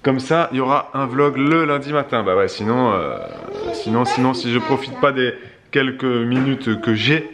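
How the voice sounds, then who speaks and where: A man hosting a casual family vlog, talking in a halting way as he thinks aloud. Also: mid-range voice, noisy background. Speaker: vlog host.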